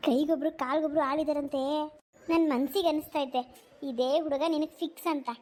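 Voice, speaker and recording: A woman's voice: high voice, fairly even intonation, a little fast, a little mellow, natural voice. A woman voicing an anxious village mother who coaxes her daughter in a cartoon. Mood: coaxing. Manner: coaxing, scolding. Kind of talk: cartoon voice acting.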